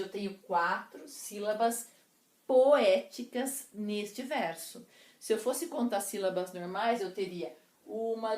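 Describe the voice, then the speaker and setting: A woman teacher explaining poetic meter to her class, counting syllables slowly and deliberately. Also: mid-range voice, a little mellow. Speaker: literature teacher. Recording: echoey room.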